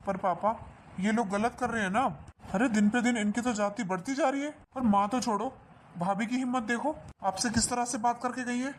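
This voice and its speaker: Guy as an angry young son, loud and indignant, some hiss. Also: very high voice, moderate pace. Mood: protesting. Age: young adult. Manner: indignant, raised voice. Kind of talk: family drama acting.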